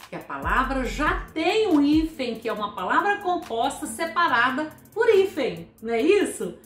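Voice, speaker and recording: A woman teaches a grammar lesson in a bright, high, animated voice that swoops through questions to her viewers. She talks at an unhurried pace, breaking words into syllables with care. The sound is roomy, with faint music underneath. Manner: patient, asks the viewer questions, spells syllables slowly.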